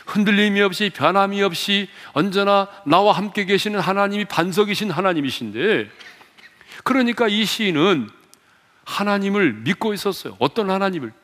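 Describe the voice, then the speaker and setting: Male pastor, high-pitched voice, preaching to his congregation in a church with a long hall reverb, asks questions and drops low for emphasis. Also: fairly bright tone. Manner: asks the congregation questions and leads them in reading aloud. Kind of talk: sermon. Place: church sanctuary.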